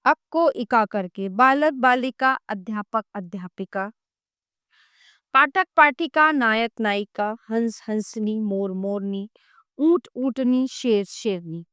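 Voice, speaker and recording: A woman narrating a grammar textbook in a slow, measured reading, listing example words one at a time. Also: on the high side, a bit bright, clean tone, no echo, clean studio sound. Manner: reads word lists one by one, measured.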